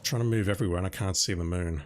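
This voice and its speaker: He's a Russian-speaking streamer with a deep voice, racing through loose, thoughtful chatter as he plays. Game music runs behind him, and there's slight background noise.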